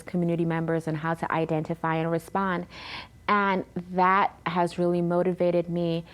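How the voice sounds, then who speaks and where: Woman, 30s, interview guest, personal testimony, earnest and animated, lowish voice. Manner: earnest, animated when retelling conversations.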